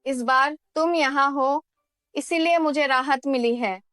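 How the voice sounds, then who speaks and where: A woman's voice: high voice, unhurried, a bit bright, no room sound, clean studio sound. A woman dubbing the role of a middle-aged mother who suspiciously questions her son's girlfriend. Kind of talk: dubbed drama acting.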